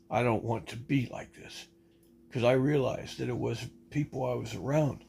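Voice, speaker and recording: A man's voice: medium pitch, gravelly, darkish tone, slightly rough, rough recording. A man telling his life story in a casual, rambling way, full of restarts, blunt and emphatic. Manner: rambling, with many fillers and restarts. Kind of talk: casual spoken testimony.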